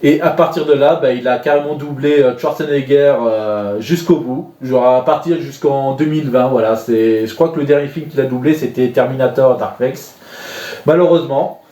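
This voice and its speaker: A man's voice: medium pitch, normal speed, dark tone, roomy sound. A man rambling casually about films from his collection, with many fillers and restarts. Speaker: DVD collection vlogger. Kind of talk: casual spoken film reviews.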